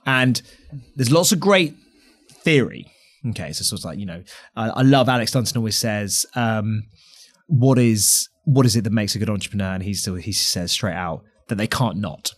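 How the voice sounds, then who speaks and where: A man's voice: fairly low pitch, moderate pace. A man hosting a podcast interview, chatty and enthusiastic, agreeing often and laying out his own theories. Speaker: podcast host.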